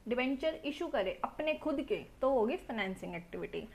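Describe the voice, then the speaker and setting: A young woman teaching a quick revision lecture, talking fast and asking her students lots of rhetorical questions, recorded on a mobile phone. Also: a little high, big pitch swings, vocal fry, a little mellow. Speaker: accounts teacher. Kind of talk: quick revision lecture mixing Hindi and English.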